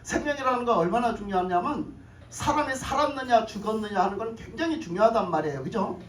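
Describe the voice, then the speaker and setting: A woman's voice: fairly high pitch, lively intonation, fast talker. A woman pastor preaches to her congregation, firing questions at them and repeating her points with an easy chuckle. Her voice comes from a distance across an echoey church, with faint noise behind. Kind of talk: sermon. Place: church sanctuary.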